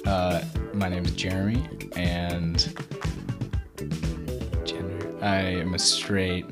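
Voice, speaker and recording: A young man from Denver introduces himself very slowly and sounds unsure, trailing off as he goes. Loud music plays behind him. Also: deep voice, little pitch movement. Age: young adult. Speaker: interviewee.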